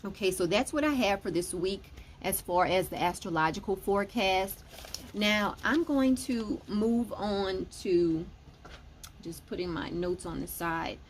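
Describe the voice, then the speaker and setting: A woman's voice: mid-range voice, measured pace, slight background noise. A woman giving a casual weekly astrology and tarot forecast, explaining each point and often saying "okay" between them.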